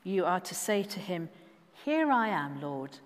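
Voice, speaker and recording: A woman voicing a sleepy old male priest, patient and gently firm, in a children's church story. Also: fairly low pitch, sing-song, a little slow. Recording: echoey church hall.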